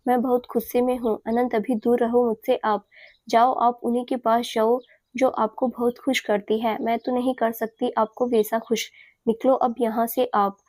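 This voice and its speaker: A woman's voice: a little high, little pitch movement, moderate pace, no echo, lightly acted. Woman reading a furious possessive young woman. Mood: angry. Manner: sharp, scolding.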